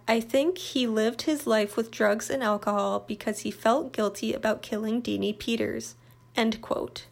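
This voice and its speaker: Woman reading a true crime script. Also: fairly high pitch. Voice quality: even, matter-of-fact reading. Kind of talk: scripted narration.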